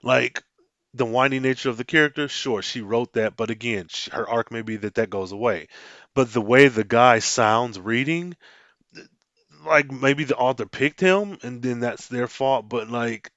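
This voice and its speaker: Speaking at a normal speed in a medium-pitched voice, a podcast host chats casually and animatedly by himself. The audio has no echo but the highs are cut off. He frequently restarts his sentences and delivers quotes with mock drama.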